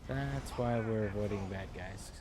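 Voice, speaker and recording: A man giving casual, chatty live gameplay commentary as a streamer, easygoing and quick to correct himself. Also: on the low side, noisy background. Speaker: game streamer. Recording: game music behind the voice.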